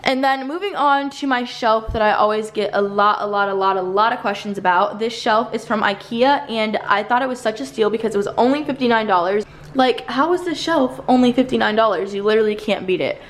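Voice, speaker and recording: A woman's voice: fairly high pitch, fairly quick. A young woman vlogger giving a casual home tour, chatty and upbeat, full of "like" and "you know", with a slight lisp.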